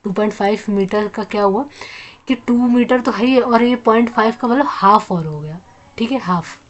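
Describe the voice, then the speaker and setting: A woman with an Indian accent teaches a maths class in a mid-range voice. She reads English lines slowly and then explains fast in Hindi. She often asks a question and answers it herself. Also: medium pitch, dull audio.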